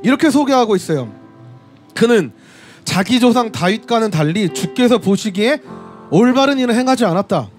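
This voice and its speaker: A man's voice: high-pitched, sing-song, normal speed, soft background music. A man preaching a sermon at a street worship service, retelling scripture and speaking straight to his listeners. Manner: storytelling, reading scripture aloud and addressing the audience directly.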